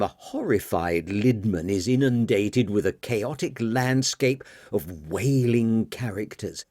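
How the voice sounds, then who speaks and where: A man narrating a novel as an audiobook in a dramatic, expressive reading. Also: on the low side, no echo, studio quality. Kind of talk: scripted narration.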